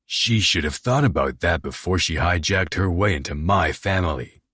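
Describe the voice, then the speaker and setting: A man voicing a hot-headed, possessive young husband in an audiobook, shouting angrily. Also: sits low, expressive, moderate pace, breathy edge, no echo, studio quality, heavily acted. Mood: angry. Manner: shouting, angry.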